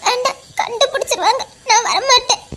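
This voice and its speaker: An actress playing an anxious young wife, speaking softly and pleadingly with a Tirunelveli Tamil accent, her voice breaking with tears. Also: very high voice, brisk, a crowd in the background. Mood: tearful pleading. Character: anxious young wife, tearful but firm. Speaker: actor. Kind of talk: melodramatic web-series acting.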